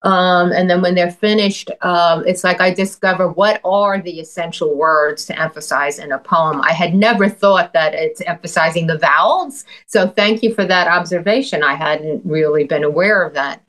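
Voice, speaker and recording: A woman's voice: lowish voice, normal speed, few pauses, a bit bright, rough recording. A woman poet from New York City with a Queens accent, speaking thoughtfully as an interview guest. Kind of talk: thoughtful interview talk and poem reading.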